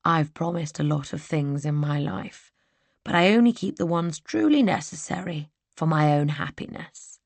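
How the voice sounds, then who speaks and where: A woman voicing a sly, mocking young gentleman villain for an audiobook. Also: deep voice, moderate pace, creaky, dry recording. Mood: smug. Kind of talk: audiobook character voice.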